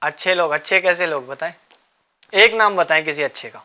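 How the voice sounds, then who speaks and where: A man hosting a children's religious show, coaxing the kids with repeated questions and gentle teasing. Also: a little high. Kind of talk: quizzing children in a studio class.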